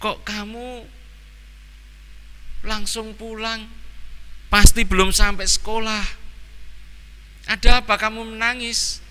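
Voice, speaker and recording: A worried mother asks urgent, caring questions in a raised, bright voice, as a male preacher puts her on. She speaks in a reverberant hall. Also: high-pitched, flat delivery, takes it slowly, pauses often, clean tone, pitched above the performer's own voice, heavily acted. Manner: concerned questioning.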